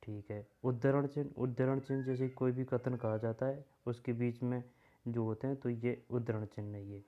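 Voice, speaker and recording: A man's voice: medium pitch, fairly even intonation, moderate pace. Guy teaching exam grammar, chatty, repeats stuff, muffled lo-fi audio. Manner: casual, repeats himself while writing on a board. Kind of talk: exam-prep grammar lesson.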